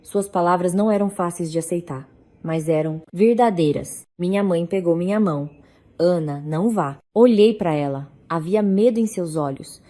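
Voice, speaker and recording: Low, mellow woman narrating a story. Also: moderate pace. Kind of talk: first-person story narration.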